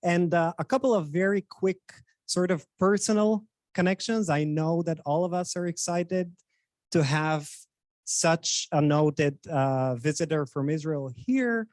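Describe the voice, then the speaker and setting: A man from Bulgaria, giving a formal introduction of a guest speaker, often pausing with fillers and restarts. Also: a little high, darkish tone, no echo. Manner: hesitant, with frequent fillers and restarts.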